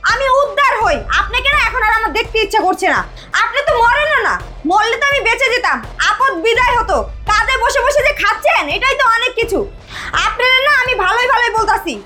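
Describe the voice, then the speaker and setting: A woman playing a shrill, bossy young wife. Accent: Bangladeshi Bengali. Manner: scolding, nagging, shouting. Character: shrill bossy young wife berating her mother-in-law. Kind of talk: amateur short drama acting.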